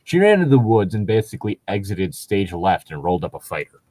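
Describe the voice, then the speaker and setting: A man's fairly low, darkish voice swings widely in pitch as he talks quickly, co-hosting a casual chat in which he reads and discusses tabletop gaming stories. He's rambling and jokey, swears a little, and the recording is dry.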